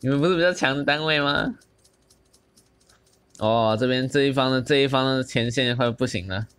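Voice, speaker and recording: A young man with a Taiwanese Mandarin accent giving casual, excited commentary on a battle game, mixing in English and plenty of exclamations. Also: medium pitch, normal speed, clear, resonant tone. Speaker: gaming channel host.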